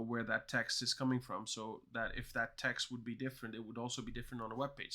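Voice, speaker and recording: A man streaming his journey of learning to code speaks in a fairly bright, mid-range voice. With Dutch and Turkish as his first languages, he chats casually and wanders between topics while answering chat questions.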